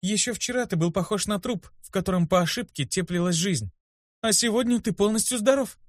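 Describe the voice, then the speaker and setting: A man's voice: sits high, expressive, no echo, clean studio sound, pitched above the performer's own voice. A male audiobook reader voicing a fussy, bossy young woman healer who fires off worried questions and scolds. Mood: amazed. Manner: anxious rapid questioning, scolding. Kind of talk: audiobook character voice.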